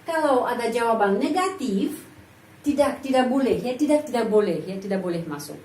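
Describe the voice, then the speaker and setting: A woman's voice: fairly high pitch, lively intonation, normal speed, a little mellow. A woman giving a language lesson, explaining patiently and repeating example phrases. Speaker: language teacher. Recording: echoey room, voice from off-mic.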